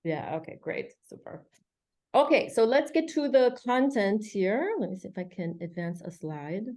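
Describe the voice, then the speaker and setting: A woman's voice: medium pitch, expressive, moderate pace, a little mellow. A woman hosting an online webinar in a chatty, friendly way, with many fillers. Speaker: webinar host.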